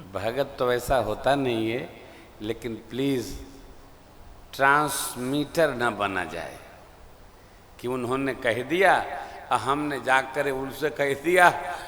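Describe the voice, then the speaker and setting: A man preaching a devotional sermon, dramatic, swinging from loud emphasis to quiet asides, and now and then breaking into sung verse. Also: mid-range voice, expressive, takes it slowly, long pauses, slight background noise. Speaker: katha preacher. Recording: long reverb of a large hall with faint music.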